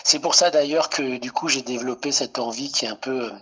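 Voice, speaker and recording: A middle-aged man from Italy talks as a guest in a radio interview. His voice is bright with a husky edge. He speaks hesitantly and keeps restarting his sentences. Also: medium pitch, a little fast, rough recording. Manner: hesitant, many fillers and restarts. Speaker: singer-songwriter guest.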